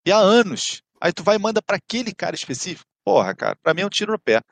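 A man's voice: sits high, very animated, fast talker, gravelly, fairly bright tone, no room sound. A man with a Rio Brazilian Portuguese accent in casual chat, blunt, sweary and complaining.

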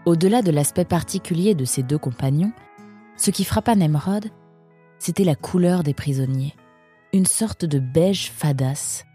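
A woman reading a storybook narration in a calm, measured way. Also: deep voice. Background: soft guitar music.

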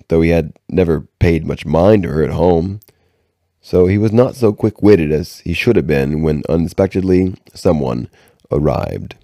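A man reading a novel aloud in measured narration, with occasional stumbles and restarts. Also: extremely low pitch, warm tone, no room sound, clean studio sound. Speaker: audiobook reader.

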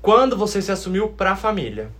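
A man's voice: high-pitched, very animated, fairly quick, a bit bright. A man co-hosting a casual podcast, prompting the guest with questions. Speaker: podcast co-host. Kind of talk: casual chat.

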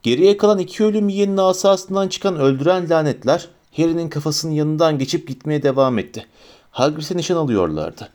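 A man reading a fantasy audiobook aloud with expressive storytelling. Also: fairly high pitch. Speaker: narrator.

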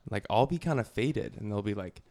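A man's voice: fairly low pitch, expressive, fairly quick, warm tone, no echo. A man in casual conversation with friends as a podcast co-host, easygoing and slangy.

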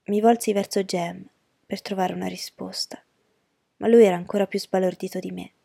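A woman narrating an audiobook in a steady, even storytelling voice. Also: medium pitch, moderate pace, gravelly, slightly rough, dry recording, studio quality. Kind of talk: audiobook reading.

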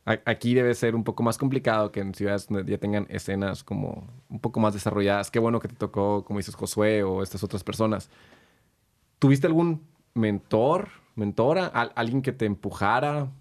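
A man's voice: fairly low pitch, normal speed. A man with a Mexican accent hosting a casual interview and asking curious, open questions. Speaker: host.

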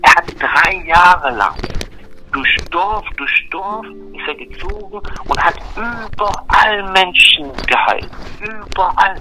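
Emphatic bright-voiced man explaining faith. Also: sits high, expressive, slow pace, a little hiss or hum, poor audio. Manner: emphatic, repetitive, checks in with "ja?" and "verstehst du?". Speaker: religious explainer. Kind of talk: earnest one-on-one religious explanation.

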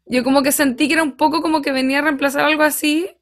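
A woman's voice: sits high, steady tone, very fast. Hesitant woman chatting. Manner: hesitant, searching for words. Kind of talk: casual chat.

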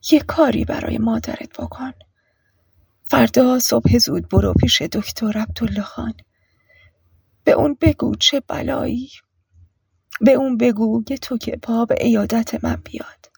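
A woman voicing a weak, bedridden mother in whispered role-play, talking softly and gently. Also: fairly high pitch, gravelly, pauses often, husky, no room sound, studio quality, pitched above the performer's own voice, heavily acted. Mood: weak, tender. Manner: soft and weak.

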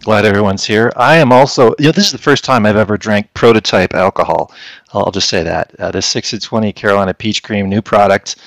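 Low-voiced man chatting, close and dry. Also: a bit bright, no room sound. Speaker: podcast co-host. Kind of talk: casual chat.

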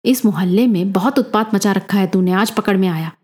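A woman's voice: medium pitch, a little fast, mellow, slightly rough, close to an everyday voice. A woman voicing a stern male police inspector who scolds and gives orders. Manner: brusque, scolding.

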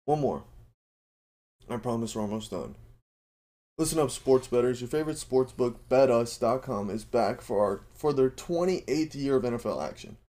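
Mellow-voiced man fumbling through ad reads. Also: mid-range voice, moderate pace. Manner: fumbling, apologetic, self-mocking about ad reads. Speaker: podcast host. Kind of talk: casual sponsor read.

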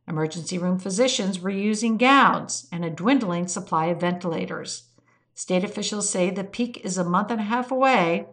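A woman's voice: on the low side, a bit bright. A woman narrating a scripted weekly news summary, marking each quotation aloud. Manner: reads quotes with air quotes.

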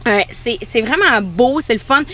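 A woman's voice: a little high, lively intonation, normal speed, bright, forceful tone. Chatty Saguenay Quebec woman. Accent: Saguenay Quebec French. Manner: chatty and enthusiastic, laughs often. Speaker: podcast co-host. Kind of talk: casual chat recommending road trips. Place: on a pontoon boat.

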